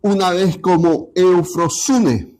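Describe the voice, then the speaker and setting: A man teaching a Bible study class, pausing often and checking in with his listeners. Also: high voice, a little mellow. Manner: halting, repeats ¿ya? to check understanding.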